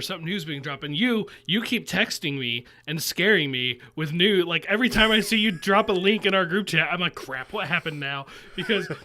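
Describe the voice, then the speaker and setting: A man's voice: a little high, bright, forceful tone. A man hosting a podcast in casual chat, hesitating with stammered fillers and laughing along. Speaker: podcast host.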